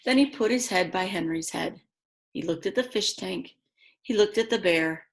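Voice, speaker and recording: Her lowish voice has a creaky quality as she reads a picture book to young children. She keeps the language simple and the pace slow, adds dramatic emphasis, and chats with the kids between lines.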